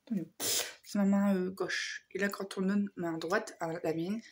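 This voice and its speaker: A woman vlogger with a hoarse voice chatting casually through a shopping haul, hesitant and full of fillers. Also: medium pitch, fairly even intonation, unhurried.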